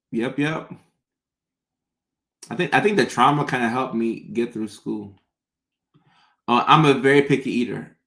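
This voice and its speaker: A man's voice: medium pitch, fairly bright tone. A man chatting casually and off the cuff as he answers comments, often repeating phrases for emphasis, with trouble pronouncing his R sounds. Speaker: content creator hosting a live question session. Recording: roomy, echoing sound.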